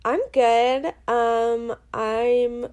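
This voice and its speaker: A woman's voice: a little high, level tone, very slow, darkish tone, clean tone. A woman in her twenties co-hosting a podcast in casual chat, telling stories in a rambling, self-deprecating way. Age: 20s. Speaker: podcast co-host.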